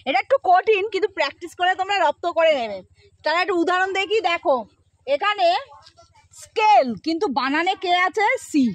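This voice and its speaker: A woman's voice: extremely high pitch, quick pace, no echo. A woman teacher giving a spoken pronunciation lesson, repeating sounds and patiently quizzing her pupils for answers. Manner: patient, coaxing.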